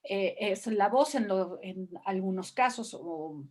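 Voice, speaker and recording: A woman hosting an online interview, asking slow, hesitant questions with fillers over a video call. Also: mid-range voice, expressive, a little mellow. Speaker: host.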